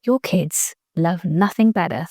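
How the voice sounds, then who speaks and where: A woman, a joy coach and mother, chatting casually in an animated way, laughing often and using lots of fillers. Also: lowish voice, unhurried, dry recording, studio quality. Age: adult mother. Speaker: joy coach and podcast guest. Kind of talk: casual conversation.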